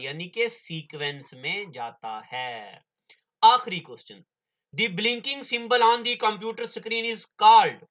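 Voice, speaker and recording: Bright-voiced male exam coach. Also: high voice. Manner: drills answers by repeating them, chatty asides to students. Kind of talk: online exam-prep lesson.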